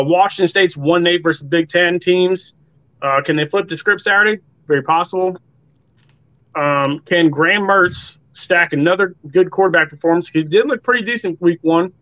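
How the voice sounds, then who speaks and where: A man's voice: a little high, bright, forceful tone, no room sound, lo-fi sound. A man on a sports podcast panel giving casual, opinionated football commentary.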